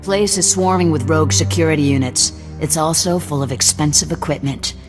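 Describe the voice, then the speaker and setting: Over music, a man with a slightly high voice speaks briskly and with light acting, playing a resistance cell leader in a video game cutscene. The character, a hard, distrustful rebel with cybernetic implants, comes across hostile, gruff, curt and openly threatening.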